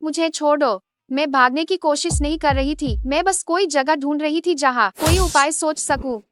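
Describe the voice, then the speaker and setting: A woman dubbing the role of an older housemaid who is deep in debt, pleading one moment and coldly scheming the next. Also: moderate pace, no room sound, studio quality, natural voice. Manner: pleading, then cold and scheming. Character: scheming older maid, pleading then greedy. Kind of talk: Hindi drama dub.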